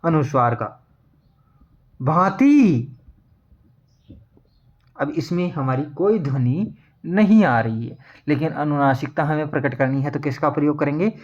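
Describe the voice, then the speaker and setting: A man teaching Hindi grammar, repeating each word slowly and answering his own questions as he writes. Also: a little high, muffled recording. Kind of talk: classroom lesson at a board.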